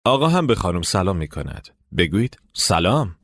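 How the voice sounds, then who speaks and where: A man's voice: low-pitched, sing-song, fairly bright tone, no room sound, studio quality. A man giving scripted lesson narration, explaining step by step and prompting listeners to repeat after him. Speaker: English teacher narrating the course.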